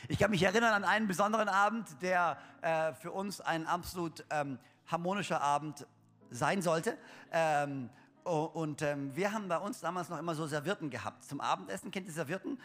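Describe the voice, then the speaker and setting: A man's voice: fairly high pitch, fairly quick, a bit bright, faint music behind. A young man preaching a humorous sermon to his congregation, chatty and joking, with lots of fillers and restarts. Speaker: pastor. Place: church hall. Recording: long hall reverb.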